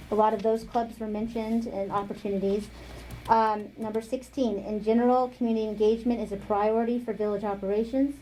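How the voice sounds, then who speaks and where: A woman on a village council presenting survey results at a meeting, speaking with frequent ums and pauses. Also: fairly high pitch, mellow, poor audio. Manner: hesitant, many ums, light laughs. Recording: faint noise, online meeting audio.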